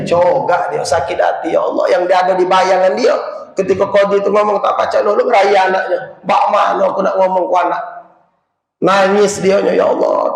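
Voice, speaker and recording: A man's voice: high voice, vocal fry. A man with a South Sumatran Malay accent preaching in a mosque, telling a story and acting out its dialogue. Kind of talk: storytelling sermon. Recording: very echoey mosque hall.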